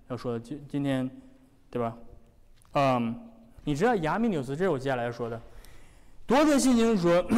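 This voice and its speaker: A man preaching a sermon, animated and full of rhetorical questions. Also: a little high, big-room sound.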